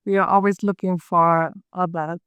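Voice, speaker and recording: A woman's voice: on the low side, level tone, moderate pace, a bit bright, clear, resonant tone, dry recording. A woman who grew up in Germany, a guest chatting in an interview, hesitant with many fillers and frequent laughs. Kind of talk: casual interview chat.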